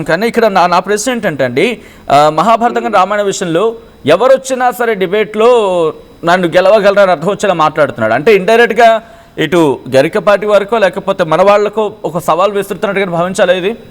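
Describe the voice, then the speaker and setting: A male news anchor hosting a live phone-in show, speaking in a measured, questioning way. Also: sits high.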